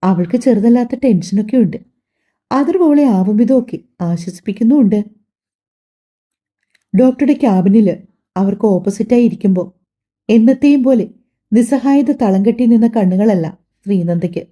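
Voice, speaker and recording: A woman reading a family drama audiobook aloud, telling the story softly and voicing every character herself. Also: medium pitch, lively intonation, normal speed, long pauses. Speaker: audiobook narrator.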